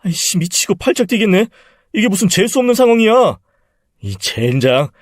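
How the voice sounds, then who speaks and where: A man's voice: high voice, very animated, moderate pace, no echo, studio quality. A man voicing the son-in-law's crude male friends, who tease and egg him on. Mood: mocking. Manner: coarse, teasing. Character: crude, mocking male buddies of the son-in-law.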